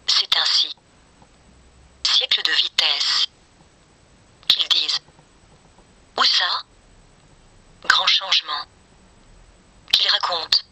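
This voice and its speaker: A woman's voice: mid-range voice, sharp tone, husky, no echo, low-quality recording. A synthetic text-to-speech woman's voice reading a novel aloud in a mechanical, choppy way. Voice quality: synthetic, machine-generated. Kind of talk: scripted audiobook-style reading of a novel.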